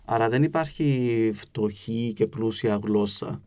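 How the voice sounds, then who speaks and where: A man's voice: fairly low pitch, dark tone. A man with a Cypriot Greek accent, giving patient, explanatory interview answers as a linguist guest, with frequent hesitation sounds. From Cyprus. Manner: patient, explains with spoken examples, many filler "e" sounds.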